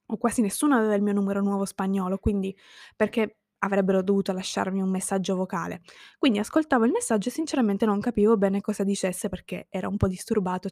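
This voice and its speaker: A woman from Sicily talks straight to camera in an earnest, reflective monologue, weighing her thoughts as she goes. Her voice sits at an ordinary middle pitch, and the recording is dry and close, with no room sound. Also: darkish tone, no echo. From Sicily, Italy. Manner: earnest, reflective, thinking aloud. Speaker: vlogger. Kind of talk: personal monologue.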